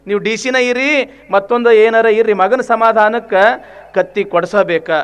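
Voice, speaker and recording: A man's voice: high-pitched, fairly even intonation, moderate pace, fairly bright tone, smooth. A man voicing a practical wife who talks her proud husband into something in a story. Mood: coaxing. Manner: coaxing, matter-of-fact.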